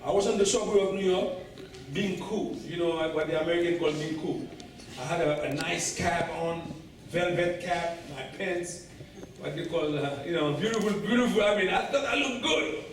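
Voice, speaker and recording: Animated Haitian-accented man in an echoey room. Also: on the high side, normal speed, noisy background. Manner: animated, laughing, addresses the audience directly. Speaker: guest speaker. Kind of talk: storytelling talk to a club audience. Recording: echoey room, distant mic.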